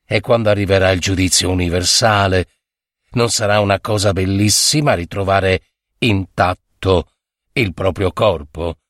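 Guy doing a rough old farmer, deep gruff bossy voice, slow and dry. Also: a bit bright, no room sound. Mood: solemn. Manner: rough, stern, commanding. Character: gruff rich old peasant farmer and poet. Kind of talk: audiobook character reading.

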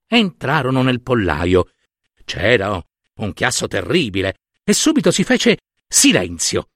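A man reading a children's story aloud in a slow, expressive way. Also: medium pitch, no room sound, studio quality. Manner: slow, expressive, lively narration.

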